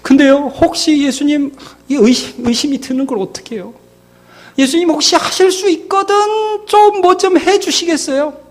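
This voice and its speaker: Worn-out father pleading unsurely, played by a male preacher, high-pitched. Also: normal speed. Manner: hesitant, pleading.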